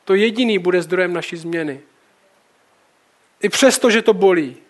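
High-voiced man preaching. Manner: reads scripture, then comments casually. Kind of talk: sermon with Bible reading.

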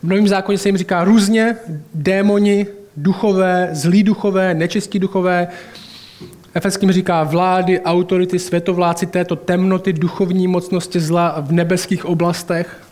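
A man's voice: high-pitched, level tone, a little mellow. A man preaching a sermon in a colloquial, chatty way, mixing in personal anecdotes and asides.

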